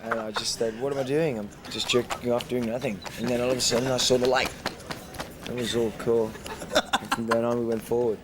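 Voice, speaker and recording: A man's voice: mid-range voice, fairly even intonation, a little fast. Rambling man, noisy airport recording. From England. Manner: rambling, swears casually, laughs often. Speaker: guest DJ. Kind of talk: casual interview chat.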